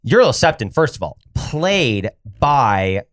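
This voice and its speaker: A man co-hosts a casual podcast, talking in an animated way and often cutting in over his friends. His pitch rises and falls a lot as he talks. The sound is dry and close to the mic. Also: slow pace, no room sound. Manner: animated, laughs often, jumps in over others. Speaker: podcast co-host. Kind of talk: casual chat.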